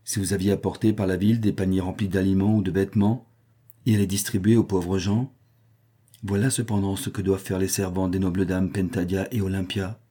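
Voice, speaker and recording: A man's voice: deep voice, level tone, fairly quick, dark tone. A man voicing a gossiping slave woman who curls hair in a read-aloud novel. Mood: indignant.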